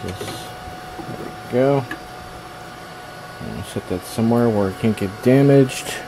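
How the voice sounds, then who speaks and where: A man with a medium-pitched voice mutters haltingly as he works, thinking aloud while hosting a video as an electronics repair hobbyist. He gives casual, hands-on repair commentary at a workbench in a small indoor workshop. The handheld camera's built-in microphone picks up noisy sound with a steady background hum.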